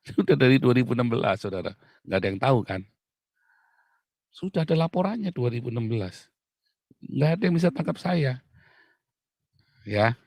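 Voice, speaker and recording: A man preaching a sermon in a chatty, lively way, laughing often and calling listeners "saudara". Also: mid-range voice, moderate pace, gravelly, pauses often, no room sound.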